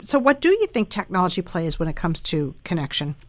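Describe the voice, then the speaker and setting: A woman's voice: lowish voice, big pitch swings, brisk, no room sound. Boston-accented woman hosting a radio show. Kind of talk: radio interview and scripted host introduction.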